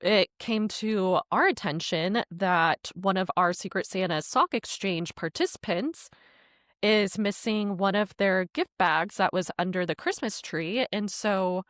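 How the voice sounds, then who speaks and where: A woman's voice: medium pitch, unhurried, no echo, clean studio sound. A woman co-hosting a podcast, telling a workplace story in casual chat and acting out the people in it. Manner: animated, quotes people with laughs. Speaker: podcast co-host.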